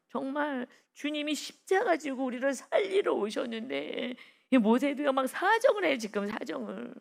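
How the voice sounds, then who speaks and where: A middle-aged woman preaching an early-morning sermon, emphatic and repetitive, rising to loud exhortations. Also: on the high side, gravelly. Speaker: pastor.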